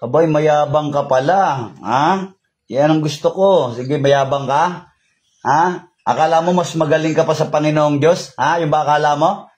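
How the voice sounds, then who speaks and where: Man, faith healer, higher voice, commanding, interrogating, chanted prayers. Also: a little slow, a little mellow. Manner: commanding, interrogating, repeats questions. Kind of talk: remote healing prayer and exorcism over a call.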